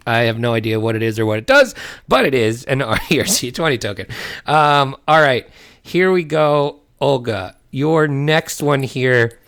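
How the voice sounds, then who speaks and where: A man's voice: medium pitch, fairly bright tone. A man hosting a quiz segment on a casual podcast, amused and spelling out words letter by letter. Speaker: podcast co-host running a quiz.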